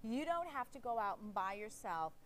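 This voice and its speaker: A woman hosting a home shopping show, giving an emphatic sales pitch that repeats key phrases. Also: big pitch swings, moderate pace.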